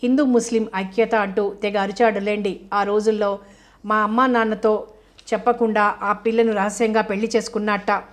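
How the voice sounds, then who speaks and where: A fierce older woman lashes out with harsh accusations in an audio novel, read by a woman narrator. The delivery stays flat and level, without much rise or fall. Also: mid-range voice, normal speed, lightly acted. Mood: bitter.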